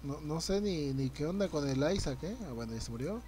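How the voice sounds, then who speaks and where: A young man plays a game live on stream, yelping, cursing and chatting with viewers. His voice sits high for a man. A faint hiss of noise runs under the recording. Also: brisk. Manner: excitable, swearing, reacting loudly and greeting chat. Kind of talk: live gameplay commentary.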